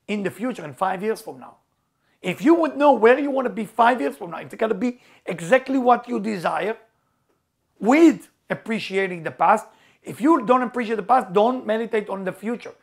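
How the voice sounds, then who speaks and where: This spiritual teacher, a middle-aged native Hebrew speaker, has a high, creaky voice. His earnest motivational talk relies on emphatic repetition of key words, voiced in non-native phrasing.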